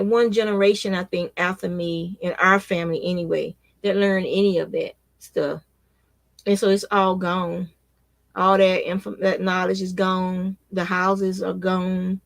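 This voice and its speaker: Woman in her fifties with a gravelly, dry voice. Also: fairly low pitch, no echo. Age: 50s. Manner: rambling, with frequent restarts and small laughs. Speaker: crochet vlogger. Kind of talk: casual reminiscing while crocheting.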